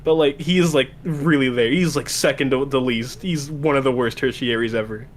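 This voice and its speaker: A young man in a casual group call who argues excitedly and keeps repeating "no". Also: medium pitch, normal speed, slight background noise. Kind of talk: casual heated chat.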